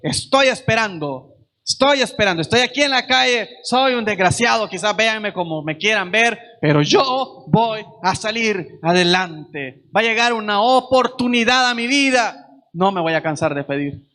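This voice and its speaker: A man's voice: high voice, expressive, moderate pace, pushed and bright. A man voicing a blind male beggar who pleads with stubborn hope, in an impassioned first-person way. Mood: pleading, defiant.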